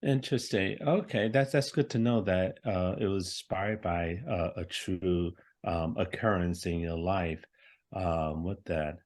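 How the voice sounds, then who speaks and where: Moderator, man, low voice, hesitant, filler-heavy questions. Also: a little mellow. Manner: halting questions with many fillers. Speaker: festival moderator.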